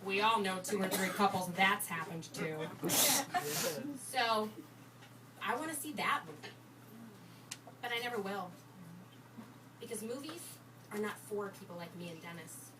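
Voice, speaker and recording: A sardonic young woman, jaded about romance, played by an actress in a stage monologue, talks in a dry, deadpan way with a bitter edge. Her voice sits at a middling pitch for a woman. It is picked up from a distance over a steady layer of background noise. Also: a little slow, long pauses, lightly acted. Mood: wry. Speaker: stage actor performing a monologue. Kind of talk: theatrical monologue. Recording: distant mic, noisy background.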